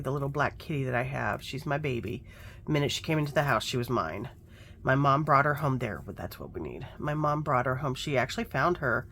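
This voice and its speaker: A woman's voice: a bass voice, a bit bright, slight background noise. A woman chatting casually while working on a craft journal, telling stories and muttering to herself over her work. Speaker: craft vlogger.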